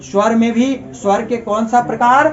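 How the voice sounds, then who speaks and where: A man's voice: extremely high pitch, steady tone, normal speed, highs cut off. A male teacher giving a grammar lesson to a class. He keeps asking questions and repeating the answers as drills.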